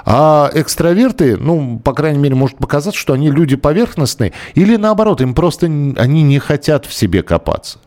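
A man's voice: on the high side, very animated, brisk, hardly any pauses, a little mellow. A man hosting a talk show, reading out listener messages and talking them over in a conversational way with some hesitations. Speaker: radio show host.

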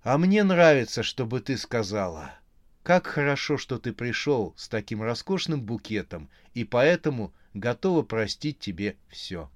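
A man voicing a startled, hot-tempered young man who shouts in exasperation. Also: mid-range voice, very animated, measured pace, no echo. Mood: exasperated.

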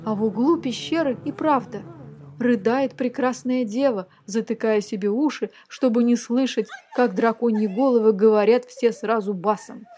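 A woman reading a fairy tale aloud for children, lively and expressive, speaking straight to the young listeners. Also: fairly high pitch, moderate pace. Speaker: storyteller.

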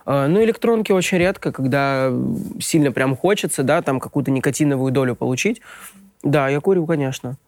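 Twenty-something guy chatting easy in a radio interview, kinda hesitant, middle pitch, dry sound. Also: brisk, a little mellow, no echo. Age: 20s. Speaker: interview guest. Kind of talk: casual interview talk. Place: radio studio.

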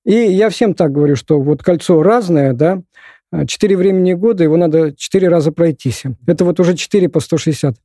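In a casual podcast interview, a hiking expert in his sixties rambles through long stories loaded with fillers. His voice sits on the high side and is mellow, moving at a quick pace, with clean studio sound and no echo.

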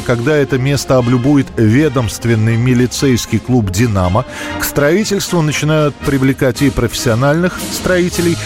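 Male documentary narrator over music. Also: mid-range voice. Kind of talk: scripted history documentary narration. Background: background music.

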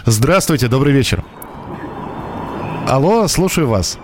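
A man's voice: mid-range voice, animated, unhurried, background noise. A man hosting a live radio phone-in, talking in a polite, wordy way. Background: faint music.

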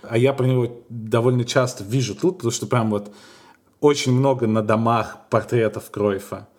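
A man co-hosting a podcast, chatting casually and telling stories in a musing, unhurried way with small hesitations. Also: medium pitch, steady tone, a little mellow. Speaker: podcast co-host.

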